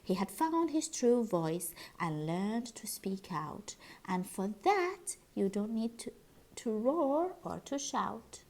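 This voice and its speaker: A woman reading a rhyming children's picture book aloud in an expressive, sing-song storytelling style. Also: medium pitch, takes it slowly.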